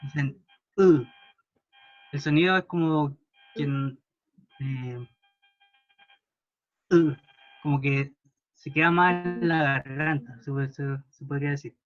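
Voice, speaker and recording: A man teaching a language class, patiently modelling words slowly for students to repeat. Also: a little high, fairly even intonation, a bit bright, dull audio, faint music behind. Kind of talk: classroom pronunciation lesson.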